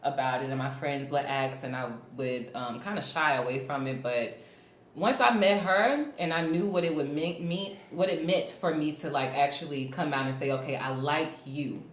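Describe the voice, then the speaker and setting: A woman's voice: low voice, moderate pace. A woman in her twenties hosting a casual group chat, candid and laughing, swearing casually. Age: 20s. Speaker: host. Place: studio room with a table of friends. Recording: roomy echo, faint hiss.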